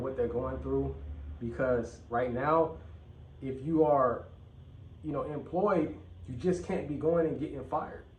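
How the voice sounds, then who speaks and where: In an echoey room with the mic at a distance, a channel host rants on his casual vlog, speaking bluntly and profanely and repeating phrases for emphasis. His voice is mid-range with a darkish tone.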